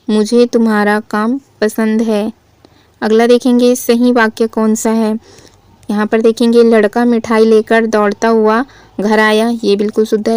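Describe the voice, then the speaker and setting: Woman teacher with a steady, level voice. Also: a little high, clean tone, no room sound. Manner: steady teacherly delivery, asking and answering her own questions. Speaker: Hindi grammar teacher. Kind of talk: exam-prep lesson, reading and correcting sentences.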